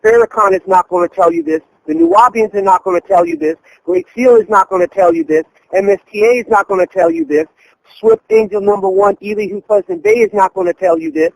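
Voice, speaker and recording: A man's voice: sits high, sing-song, a little fast, gravelly, slight background noise, rough recording. A man hosting a weekly call-in discussion, talking emphatically and listing his points like a preacher. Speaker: host of a weekly call-in address.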